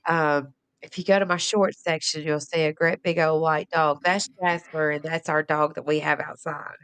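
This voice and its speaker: A woman's voice: low voice, fairly even intonation, moderate pace, a bit bright, clean tone, no room sound. A woman hosting a casual live stream, chatting in a rambling way and laughing often. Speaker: livestream host.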